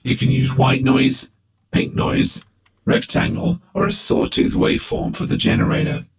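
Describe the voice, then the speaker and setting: A man's voice: medium pitch, normal speed, very noisy, voice pushed up. A man whose voice is formant-shifted and vocoder-processed so it sounds artificial and robot-like, reading a scripted rundown of features.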